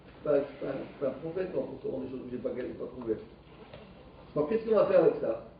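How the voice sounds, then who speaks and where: A man's voice: medium pitch, quick pace, slight background noise. Man teaching Talmud in an echoey room. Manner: animated, questioning, explains step by step. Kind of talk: live Talmud class. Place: classroom. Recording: distant echoey dull live stream.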